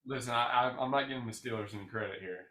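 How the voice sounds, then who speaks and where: A man's voice: medium pitch, rapid-fire, bright, forceful tone. A young man co-hosting a podcast, chatting about sports in a laid-back, agreeable way. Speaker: podcast co-host. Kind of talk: casual sports chat. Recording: roomy echo.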